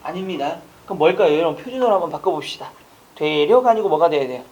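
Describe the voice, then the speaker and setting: A man teaching an online exam-prep lecture, quizzing listeners with rapid rhetorical questions and casual joking asides. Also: high voice, a little mellow, highs cut off, a little hiss or hum.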